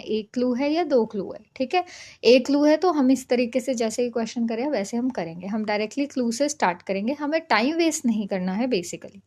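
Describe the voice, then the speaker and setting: Woman teacher, fairly high voice, patient, step-by-step explaining, frequent check-ins. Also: a little mellow. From India. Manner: patient, repeats "ठीक है" to check understanding. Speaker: reasoning teacher. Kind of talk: exam-prep lesson at a whiteboard.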